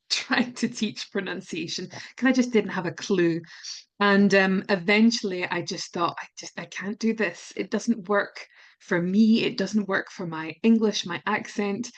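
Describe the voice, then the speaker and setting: On an online call, a Scottish woman with a medium-pitched voice answers interview questions in her role as a pronunciation specialist. She comes across as candid and earnest, now and then laughing at herself.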